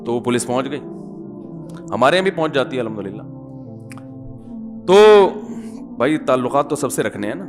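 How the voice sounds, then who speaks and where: A man's voice: mid-range voice, expressive, long pauses, music in the background. A middle-aged man, a preacher telling humorous anecdotes to his listeners in a chatty religious talk. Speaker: Islamic scholar and preacher.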